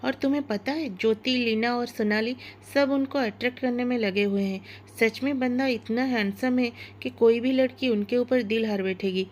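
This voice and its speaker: A woman's voice: on the high side, fairly even intonation, normal speed, few pauses, a little mellow, slight background noise, close to an everyday voice. A woman voicing a jealous, gossipy young female cook in a storybook narration, in a chatty, grumbling manner. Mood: gushing.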